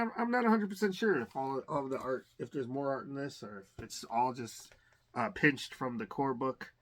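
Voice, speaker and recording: An adult man with a mid-range, fairly bright voice hosts a casual unboxing channel. He thinks out loud as he goes, rambling and halting with plenty of fillers and restarts, and gets excited about every item he pulls from the box.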